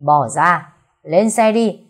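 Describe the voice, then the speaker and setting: A woman doing a cold hot-tempered young man, curt, low mellow voice. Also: a little fast. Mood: furious. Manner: curt and cold, barking when angry.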